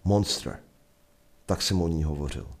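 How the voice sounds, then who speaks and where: A Czech man telling a first-person adventure story in a measured, vivid narration. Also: sits low, a little mellow. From Czech Republic.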